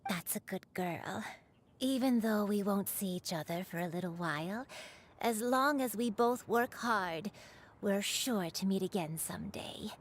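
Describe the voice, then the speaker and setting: For a video game, a woman voices a loving old grandmother who is a crane spirit in human form. Her mid-range voice, a little slow and close to how she'd normally talk, sounds tender and reassuring.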